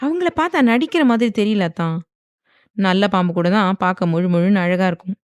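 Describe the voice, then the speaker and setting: A woman's voice: medium pitch, normal speed, clean tone, no echo, close to an everyday voice. A woman reading a teasing, bossy young husband. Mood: calm. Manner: mock-threatening, teasing. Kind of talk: dramatized audiobook reading.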